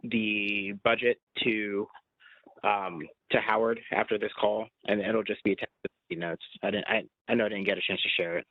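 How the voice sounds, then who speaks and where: A man's voice: fairly low pitch, steady tone, normal speed, slight background noise. A man, a committee member, talking informally in a meeting on a group conference call. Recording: dull, dry conference call audio.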